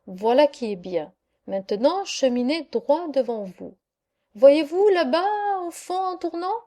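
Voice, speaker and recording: A woman's voice: high-pitched, sing-song, mellow. Saint Peter, a genial old gatekeeper, voiced by a woman. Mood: reassuring. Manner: genial, fatherly, unhurried.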